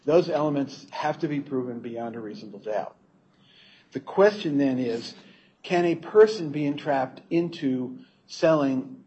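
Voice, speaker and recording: A man speaks as an appellate lawyer, giving a formal, explanatory legal argument in a somewhat halting way. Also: medium pitch, dark tone. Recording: dull courtroom recording, faint noise.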